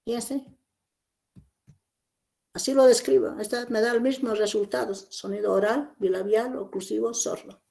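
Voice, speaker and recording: A woman's voice: a little high, fairly even intonation, moderate pace, creaky, pauses often, darkish tone. Woman teaching a phonetics class. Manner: explanatory, repeats key points, checks with "¿no?". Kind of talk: classroom lecture.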